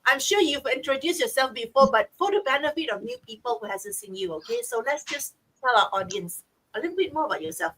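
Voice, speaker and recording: Bright-voiced bubbly Singaporean host. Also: female voice, high-pitched, big pitch swings, fast, poor audio. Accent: Singaporean English. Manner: upbeat, bubbly hosting with frequent checks like okay and right. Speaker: livestream host. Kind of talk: live-streamed group chat.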